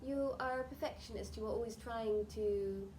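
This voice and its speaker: A woman with a fairly high voice speaks as a trance-channelling medium. Her delivery is solemn and oracular, with the formal phrasing of a spirit addressing sitters at a seance. Clear background noise runs through the live recording. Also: normal speed, a little mellow. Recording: noisy live group recording.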